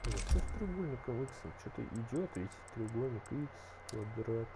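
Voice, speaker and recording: A man hosting a gaming video with casual, halting commentary, thinking aloud in an informal way. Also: mid-range voice, lively intonation, very noisy. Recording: loud game music behind.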